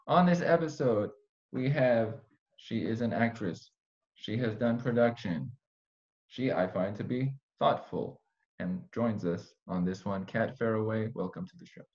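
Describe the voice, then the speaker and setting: This man, a podcast host from Iran, speaks on the low side, a little slowly, with a darkish tone. His casual, rambling chat is sprinkled with playful mock-serious asides, heard through dull lo-fi audio.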